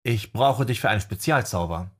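A man's voice: lowish voice, expressive, a little fast, a bit bright, breathy edge. A man voicing an earnest, self-deprecating young male wind mage in an audiobook. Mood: wry. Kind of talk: audiobook character voice.

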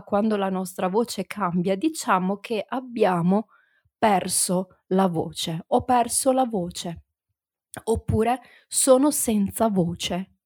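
A woman teaching a language lesson, her voice still slightly hoarse from the flu, talking slowly and repeating words for learners. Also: mid-range voice, a little mellow, dry recording, clean studio sound. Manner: slow and deliberate, repeats and conjugates words for learners. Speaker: language teacher and podcast host.

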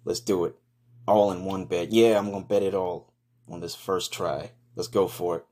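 A man's voice: deep voice, steady tone, moderate pace, darkish tone. A man giving casual, improvised first-person commentary in a crude, profane, slangy way, blunt and mocking as he goes.

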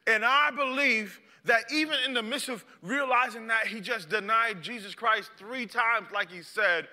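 A man's voice: sits high, sharp tone, in a large hall. A male preacher giving a dramatic, impassioned sermon and acting out the story.

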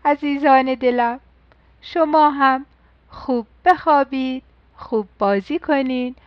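A woman reading a bedtime story for children with lively sound words and a gentle manner, on a close mic in dull, dry audio. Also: sits high, dry recording.

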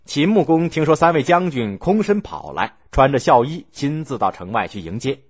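A man telling a history story in a lively, expressive way, acting out the scenes. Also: mid-range voice, moderate pace, breathy edge, no room sound.

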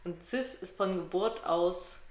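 A woman's voice: lowish voice, slow. A woman in casual, humorous conversation, explaining things with playful, wry wordplay. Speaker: podcast co-host. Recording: roomy, echoing room sound.

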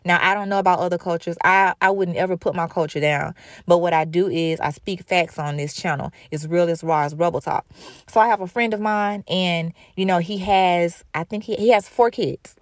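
With a lowish voice and a moderate pace, a thirty-something woman hosts her own show, giving a casual, candid monologue full of emphasis and repeated phrases for stress. The recording is dry and cleanly studio-made.

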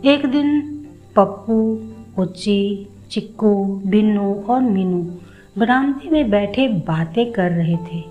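A woman narrating a children's story in a slow, measured storytelling manner. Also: medium pitch, narrow, tinny audio. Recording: soft background music.

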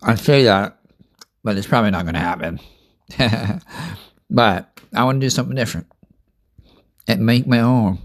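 A young man rambling casually through a food review vlog, chatting and eating as he talks. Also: lowish voice. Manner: rambling, chatty, eats while talking. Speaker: vlogger.

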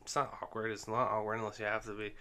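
Rambling casual man, bright voice. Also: on the low side, level tone, slight background noise. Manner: rambling, halting, many fillers and restarts. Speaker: podcast co-host. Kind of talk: casual chat. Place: indoor basement room.

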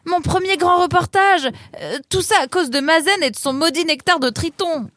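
An excitable young male reporter from a children's audio story, as a woman reads him aloud, eager and a little clumsy. His voice jumps up high and loud whenever he is surprised or worried, tumbling out breathless. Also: normal speed, no echo. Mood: excited.

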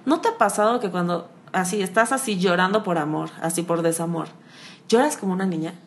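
A woman's voice: on the low side, fairly quick, a little hiss or hum. A young woman with a Mexican accent, co-hosting a frank, slangy casual conversation. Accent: Mexican Spanish. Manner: frank, slangy, laughs often. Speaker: podcast co-host. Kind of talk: casual chat.

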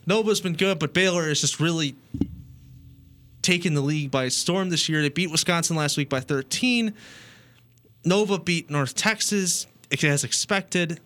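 A man's voice: on the high side, normal speed, a bit bright. A man hosting a sports podcast, moving the talk from game to game and teasing his co-hosts. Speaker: podcast host.

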